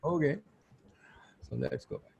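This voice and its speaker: A man's voice: measured pace, a little mellow. A man with a Pakistani accent hosting an online webinar in an informal, blunt way, with Urdu asides. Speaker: webinar host and moderator. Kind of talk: informal spoken webinar introduction.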